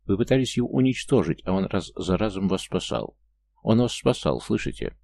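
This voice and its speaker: Audiobook: man reading bitter, accusing young man, low gravelly tone. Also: sing-song, fairly quick, a little mellow, full character voice. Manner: harsh, cold, accusing. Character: angry grieving young man, loyal friend.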